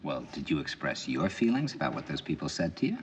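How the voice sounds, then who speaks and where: A man's voice: extremely low pitch, big pitch swings, fast talker, slight background noise. An actor playing an intense middle-aged man confiding over dinner in earnest, probing film dialogue. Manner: earnest, probing, builds to emphatic bursts.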